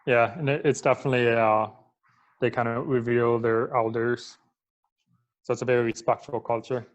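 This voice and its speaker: A man's voice: mid-range voice, normal speed. A man from Michigan talks as a podcast guest in a mid-range voice. He is laid-back and leans on fillers like "like" and "um". The recording sounds a little dull. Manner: relaxed, filler-heavy, lots of "like". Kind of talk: casual interview chat.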